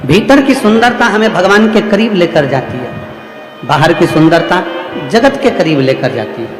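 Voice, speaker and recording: Man preaching a sermon, high voice, rhythmic repeated phrases, long hall reverb, faint music behind. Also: sing-song, moderate pace. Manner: repetitive, rhythmic, emphatic preaching. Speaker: preacher telling a religious discourse. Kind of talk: devotional sermon to a large gathering.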